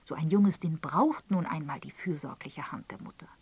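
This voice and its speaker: A woman reading the part of a gentle, tactful elderly spinster in an audiobook, in a mild and measured manner. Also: deep voice, slight background noise. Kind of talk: audiobook character voice.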